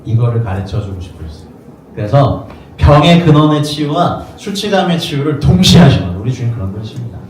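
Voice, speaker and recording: A man's voice: mid-range voice, very animated, a little fast, darkish tone. A man preaching a sermon as pastor, in a conversational way, often acting out the voices of people in the story. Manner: conversational, acts out quoted voices. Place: rented studio space used for worship. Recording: echoey room, mic at a distance, faint noise.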